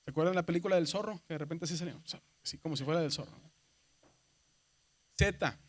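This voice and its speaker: A man's voice: a little high, fast talker. A man, teaching a seminary class on the Greek alphabet, patient and repetitive, calling his students brothers. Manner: patient, repeats "¿verdad?" and spells letters aloud. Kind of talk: classroom lesson.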